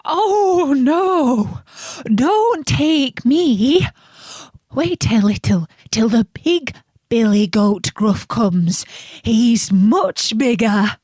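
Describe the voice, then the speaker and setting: A woman's voice: fairly high pitch, expressive, drawn-out words, a little mellow, no echo, studio quality, pitched above the performer's own voice, full character voice. A woman voicing the middle billy goat, sturdier than the first, pleading with a fuller voice.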